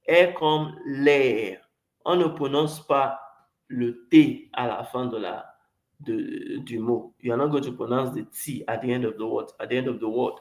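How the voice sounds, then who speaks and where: A man teaching French pronunciation. He says each sound several times, asks the class to repeat it, and then explains it in English. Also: mid-range voice. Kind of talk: slow, repetitive pronunciation drill. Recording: echoey room.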